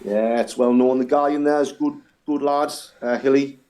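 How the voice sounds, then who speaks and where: Band member, male, mellow tone, relaxed and chatty. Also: medium pitch, moderate pace. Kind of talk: casual interview chat.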